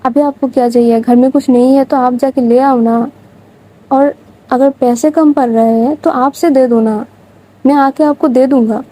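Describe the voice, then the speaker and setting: A woman voicing a short-tempered young woman boss who talks in a quick, scolding way. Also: high voice, steady tone, mellow, low-quality recording. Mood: impatient. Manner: scolding, rapid and impatient.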